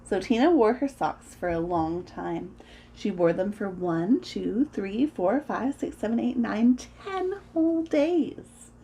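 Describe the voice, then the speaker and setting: Woman, children's storyteller, very animated pitch, unhurried deliberate reading, expressive, faint background noise. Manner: animated, deliberate, acts out sound words.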